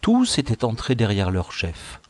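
A man reading a classic novel aloud as an audiobook narrator, measured and expressive. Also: fairly low pitch, dry recording. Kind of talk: scripted narration.

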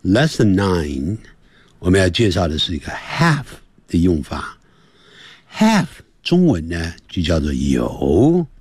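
A man teaching English on the radio, explaining grammar and drilling pronunciation with slow, repeated words in a playful, lively manner. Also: low voice, husky, dry recording, clean studio sound.

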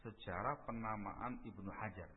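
A man teaching a religious study lesson with a husky voice, emphatic and repeating key phrases. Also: on the low side, moderate pace, slight background noise. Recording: phone-like radio stream with long reverb.

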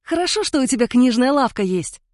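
A woman's voice: fairly high pitch, big pitch swings, fairly quick, warm tone, no room sound, studio quality, voice pushed up. A woman voicing a petite, restless young woman who talks cheekily. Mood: cheeky. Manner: giggly, cheeky.

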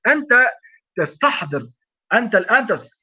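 A man's voice: sits high, big pitch swings, brisk, sharp tone, slightly rough, lo-fi sound. A man with an Egyptian accent teaching as a sheikh in an online lecture, speaking emphatically with repeated phrases and rhetorical questions. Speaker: sheikh teaching Quran readings.

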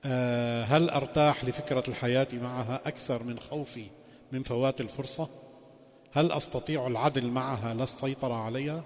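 Male lecturer, middle pitch, religious lecture built on rhetorical questions, long hall reverb. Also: fairly even intonation, brisk. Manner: poses rhetorical questions, mixing formal phrasing with colloquial asides. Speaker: sheikh giving a lecture course.

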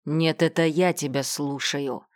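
Woman doing a hot-headed rich guy, harsh and mocking, lowish voice. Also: normal speed, a little mellow, no echo, clean studio sound, lightly acted. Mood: indignant. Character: hot-tempered wealthy man, domineering, scornful.

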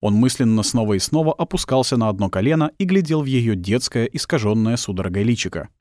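Male narrator, dramatic scripted narration, animated intonation, dry close recording. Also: medium pitch, fast, no room sound. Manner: expressive, tense storytelling. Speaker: audiobook narrator. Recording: dry close studio sound.

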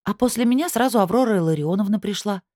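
A woman's voice: mid-range voice, lively intonation, fast talker, dark tone, no room sound, clean studio sound, pitched above the performer's own voice, natural voice. A woman reading an audiobook, voicing a plaintive young woman who whines about a broken iron.

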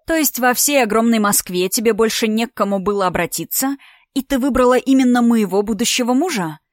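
With a fairly high, brisk voice near her everyday register, a woman reads a storybook role of a mocking, spiteful woman in her thirties about to be married. The delivery is raised, sarcastic, sneering and theatrical, in a taunting mood, recorded cleanly in a studio without echo.

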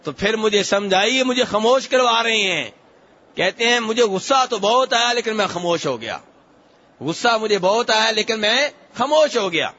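A man preaching a hadith lesson in a high, bright voice, going over each phrase more than once. He recites Arabic lines slowly, then explains them. The recording sounds dull and lo-fi. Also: lively intonation. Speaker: Islamic preacher.

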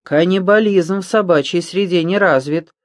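A man reads an audiobook, voicing a clever boy who explains things in a lecturing tone. The performance is lightly acted, with his high voice pitched above his own, at normal speed. The sound is clean studio audio with no room sound.

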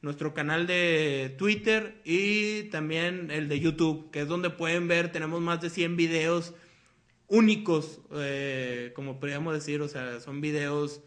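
A man's voice: on the high side, steady tone, unhurried, a bit bright. A young man with a Mexican accent hosting a casual podcast, talking in a loose, rambling way full of slang and swearing. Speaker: podcast host.

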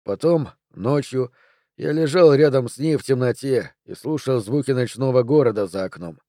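Calm male audiobook narrator. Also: mid-range voice, normal speed, dry recording, studio quality. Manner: calm, even, first-person storytelling. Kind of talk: scripted narration.

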